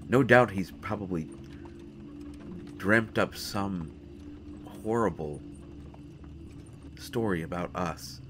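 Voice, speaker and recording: In a fantasy audio drama, a man plays a brooding young prince at war with his father, addressing the listener in a low voice. His delivery is halting, earnest, and dramatic, tense as he reasons things out, with music and noise in the background.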